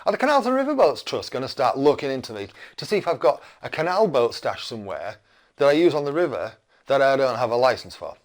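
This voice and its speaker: Talking very fast and with great animation, this mid-range-voiced British man in his fifties vents to camera in a vlog. The rant is indignant and crotchety, full of emphasis and rhetorical questions.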